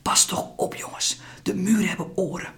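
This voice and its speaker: Een voorlezer doet een moeder die haastig en zacht fluistert, vol overtuiging. Ze klinkt warm en dringend, haar stem gedempt. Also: medium pitch, unhurried, voice pushed up, natural voice. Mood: cautioning. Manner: whispered, soft, urgent. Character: gentle, devout mother, whispering fervently.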